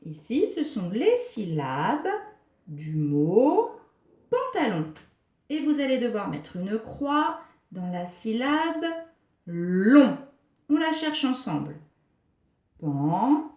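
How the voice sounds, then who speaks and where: A woman preschool teacher giving a recorded lesson for young children, speaking slowly and articulating each syllable with care. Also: fairly high pitch, sing-song, a little mellow. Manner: slow, carefully articulated, scanning syllables. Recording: roomy echo.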